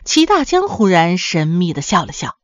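Expressive woman storyteller, lively pitch. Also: moderate pace, no echo, highs cut off. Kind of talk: storybook narration.

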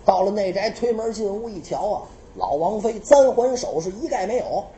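A woman storyteller with a Beijing accent, narrating a traditional tale in an animated, colloquial way. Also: mid-range voice, normal speed, reverberant, slight background noise.

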